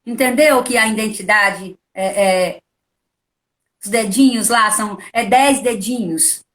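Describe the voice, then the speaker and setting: A middle-aged woman preacher giving a conversational testimony and teaching, full of rhetorical questions and sudden emphatic high stresses. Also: unhurried, fairly bright tone. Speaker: preacher, guest.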